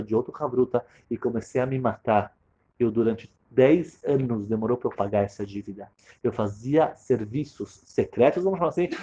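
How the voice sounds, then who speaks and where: A man voicing a remorseful husband in a sermon story, confessing a long sacrifice in a low, confessional way. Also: a little mellow, slightly rough, muffled recording, close to an everyday voice.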